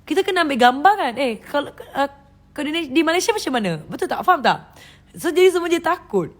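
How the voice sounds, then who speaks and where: A woman's voice: high voice, very animated, brisk. Chatty Indonesian woman live-streaming. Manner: chatty, mixes Malay, Indonesian and English, laughs often. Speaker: livestream host. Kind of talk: casual live-stream chat. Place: indoors, live stream from a phone.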